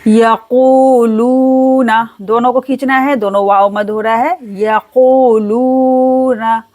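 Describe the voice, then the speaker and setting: A woman teaching Quran recitation step by step, spelling out letters and then reciting each word slowly and drawn out. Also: on the high side.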